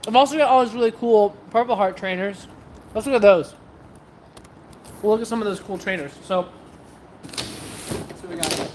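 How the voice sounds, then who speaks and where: A woman's voice: mid-range voice, moderate pace, pauses often, darkish tone. Chatty woman streamer with faint noise. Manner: chatty, scattered, self-interrupting. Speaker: livestream host and sword practitioner. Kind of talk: casual livestream chat with viewers.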